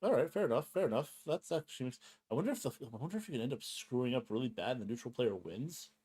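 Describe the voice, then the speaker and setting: A man's voice: mid-range voice, lively intonation, fast talker, a little mellow, husky. Rambling male podcast host. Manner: rambling storyteller with many fillers and restarts. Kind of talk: casual podcast chat, reading game rules.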